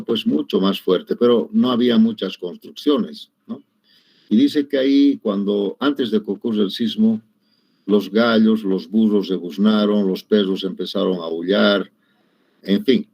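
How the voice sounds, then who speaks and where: A man's voice: lowish voice, darkish tone, husky. A middle-aged man, teaching an engineering class and telling personal anecdotes in a conversational way, often adding little tag questions and correcting himself mid-word. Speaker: engineering lecturer. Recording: dull lo-fi recording.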